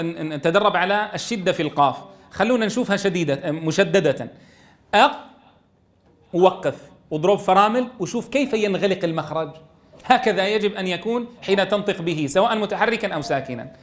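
Guy teaching quran recitation, kinda high voice, keeps repeating the sounds slow and punchy so ppl copy him. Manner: drills letter sounds slowly, stressing and repeating them. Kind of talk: tajweed lesson with drills.

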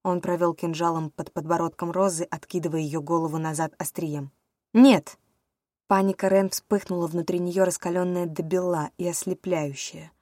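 A woman narrating a fantasy audiobook in a brisk, steady storytelling manner. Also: lowish voice, no echo, clean studio sound.

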